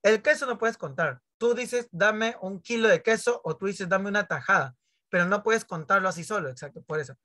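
A man's voice: sits high, brisk, sharp tone. A man teaching English grammar in an online primary class, joking and teasing his pupils and acting out their questions. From Peru.

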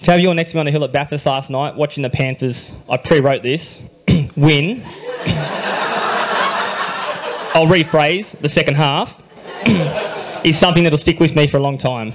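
A young man with an Australian accent reads a prepared groom's speech at a wedding reception, speaking into a handheld microphone. His delivery is dry and understated, with light jokes, frequent throat-clearing and a quiet emotional undercurrent. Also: fairly high pitch, moderate pace, pauses often, background noise. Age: young adult. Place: wedding reception hall, indoors.

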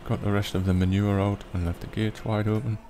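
A man giving relaxed, rambling commentary over a farming game, with lots of ums. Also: on the low side, a little fast, a little hiss or hum. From Britain. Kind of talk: casual gameplay commentary.

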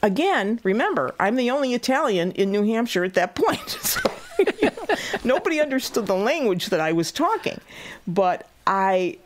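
A woman in her eighties, a guest who hosts a cooking show, telling her story in an interview with lively energy and frequent laughs. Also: mid-range voice. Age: 80s. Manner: lively, laughing, acts out quoted voices.

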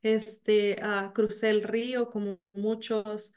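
A woman, telling her story haltingly over a video call, full of fillers and restarts. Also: mid-range voice, little pitch movement, darkish tone. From El Salvador. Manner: hesitant, many fillers and restarts. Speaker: mayor, interview guest. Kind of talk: remote interview. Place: small home office.

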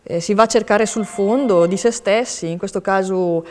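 Casting: young female artist, mid-pitched, hesitant interviewee, long studio reverb. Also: moderate pace, darkish tone. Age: young adult. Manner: hesitant, reflective, trailing phrases. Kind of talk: interview answers. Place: indoor TV studio with hard floor.

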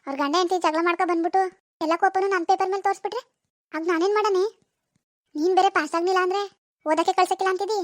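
A woman's voice: extremely high pitch, fairly even intonation, very fast, long pauses, no room sound. Bangari, a frantic village schoolgirl. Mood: defensive. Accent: rural Karnataka Kannada. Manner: pleading, repetitive, dramatic. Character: anxious teenage village girl awaiting exam results. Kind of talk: cartoon voice acting.

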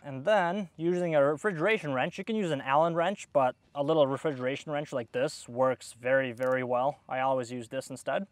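A man's voice: medium pitch, fairly even intonation, fairly quick, hardly any pauses, no echo. Man explaining a repair, dry close sound. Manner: explains step by step while working. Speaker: HVAC technician. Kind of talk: hands-on tutorial. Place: outdoors by an AC unit.

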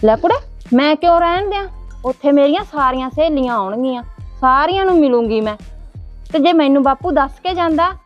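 A woman's voice: high voice, lo-fi sound. An actress playing a vain middle-aged mother who boasts about dressing up, in a village comedy drama. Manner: boastful, chatty.

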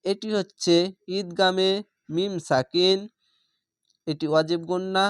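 A man teaching Quran reading, spelling out words letter by letter in a patient, measured, repetitive drill. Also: high voice, steady tone, smooth, no echo, clean studio sound.

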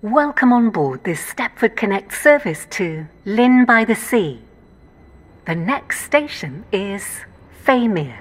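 A woman's automated onboard train announcement, made of spliced-together recorded words that jump abruptly in pitch and loudness. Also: slow pace. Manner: lively pitch with abrupt jumps between clips. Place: train carriage in a video game. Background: train noise and air conditioning.

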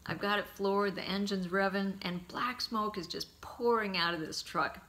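A middle-aged man giving a heartfelt eulogy, telling stories about his father in a halting, storytelling way. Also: high voice, steady tone. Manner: warm, halting anecdotes with frequent pauses.

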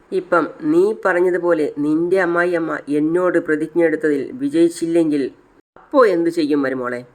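A man's voice: fairly high pitch, close to an everyday voice. A man voicing a scheming middle-aged aunt in a retold television serial, talking in a mocking, taunting way.

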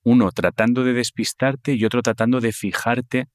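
A man with a Spain Spanish accent hosting a podcast, engaged and quick to chime in during casual conversation. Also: medium pitch, fairly even intonation, no echo, studio quality. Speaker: podcast host.

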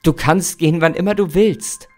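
A man's voice: on the high side, normal speed, darkish tone, faint music behind, voice pushed up, lightly acted. A man reading aloud, voicing a skeptical writer who speaks in a light, reassuring way. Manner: light, reassuring, a bit raised.

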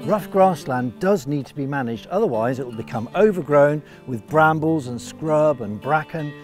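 Middle-aged man, warm low tone, keen field guide out in the grass, faint music behind. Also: moderate pace. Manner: clear, enthusiastic explaining. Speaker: conservation educator. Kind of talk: instructional nature film.

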